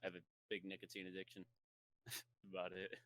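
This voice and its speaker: A man who grew up in Greece, introducing himself on a podcast in a relaxed, offhand way. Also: deep voice, fairly quick, low-quality recording. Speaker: podcast guest. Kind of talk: casual self-introduction.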